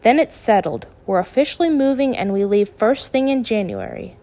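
A calm, practical middle-aged father who speaks in a measured, gently firm way, read by a woman narrating a storybook. He sounds steady and reasonable. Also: fairly high pitch.

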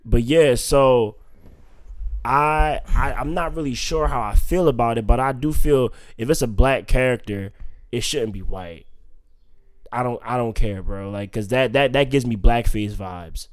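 A man's voice: medium pitch, a little slow, no room sound, studio quality. A man co-hosting a casual podcast chat, earnest and given to stammering restarts. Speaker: podcast co-host.

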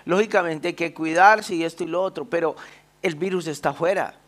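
A pastor preaching a sermon, often asking the congregation rhetorical questions. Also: male voice, on the high side, a little fast, fairly bright tone.

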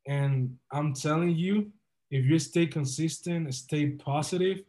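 His voice is mellow and fairly high, and his pace a little slow, as this young Dominican man tells his story. A guest entrepreneur in a casual podcast interview, he comes across as sincere, cheerful and motivational.

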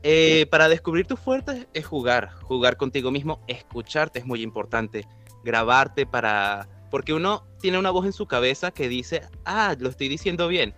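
A man with an ordinary mid-range voice talks through a casual podcast conversation. He explains calmly and patiently, and laughs easily. Faint music sits underneath. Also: medium pitch, normal speed. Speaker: voice actor guest.

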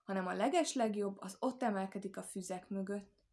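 A woman's voice: mid-range voice, darkish tone, natural voice. A woman voicing a crafty toad who plays innocent and coaxes a wolf in a storybook tale. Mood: sly. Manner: innocent, coaxing, lightly mocking. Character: sly calm old toad, quick-witted.

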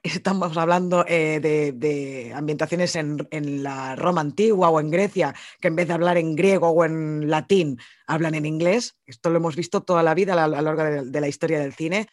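A man's voice: normal speed, few pauses, no echo, clean studio sound. A man with a Spanish accent co-hosting a casual film podcast, talking animatedly and swearing casually. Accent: Spanish from Spain. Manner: animated, swears casually, rants with rising pitch. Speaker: podcast co-host. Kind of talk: casual film review chat.

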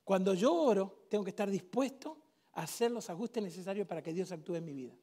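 A man preaching a sermon in a church with a Rioplatense accent, emphatic, swinging between shouts and hushed intensity. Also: sits high, expressive, brisk. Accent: Rioplatense Spanish.

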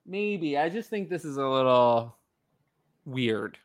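A man co-hosting a casual sports talk show, chatting in an animated way. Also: medium pitch, slow pace. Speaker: podcast co-host.

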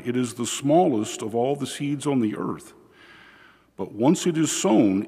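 Priest with slow speech and cathedral echo. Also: male voice, mid-range voice, darkish tone, slightly rough. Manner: slow and measured, with frequent "uh" fillers in the homily. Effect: long cathedral-like church echo. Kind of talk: gospel reading and homily. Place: large church. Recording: reverberant church hall.

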